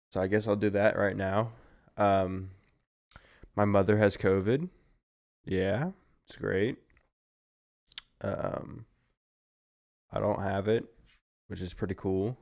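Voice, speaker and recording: A man's voice: fairly low pitch, fairly even intonation, slow, creaky, long pauses, darkish tone. A tired young man co-hosting a podcast, chatting casually and rambling, with plenty of swearing. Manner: laid-back, heavy swearing, rambling. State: tired, yawning. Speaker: podcast co-host. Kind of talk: casual chat.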